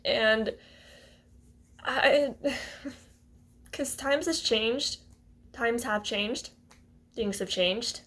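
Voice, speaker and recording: A woman's voice: fairly high pitch, extremely slow, long pauses, fairly bright tone. A woman in her twenties talking casually to her viewers, hesitant and rambling, often breaking into small laughs. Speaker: vlogger. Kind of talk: casual talk to camera.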